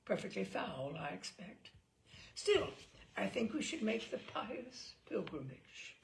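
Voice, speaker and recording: In a storybook reading, a woman voices a mischievous English lord of about sixty, an incorrigible uncle who is grand, leisurely and relishes his words. Her medium-pitched delivery is slow and heavily acted, with big pitch swings and vocal fry. The mood is jaunty and nostalgic.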